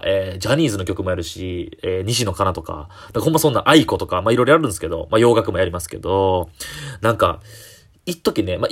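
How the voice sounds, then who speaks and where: A young man, hosting a casual solo talk show, animated and full of fillers. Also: lowish voice. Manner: animated, many fillers, jumps between quick and drawn-out phrasing. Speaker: comedian podcast host.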